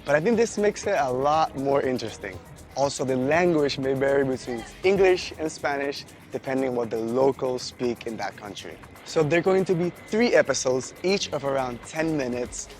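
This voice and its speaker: A man hosting a travel podcast, chatting and asking short questions while walking through a city's old town. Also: mid-range voice. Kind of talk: casual street interview. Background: city noise and traffic.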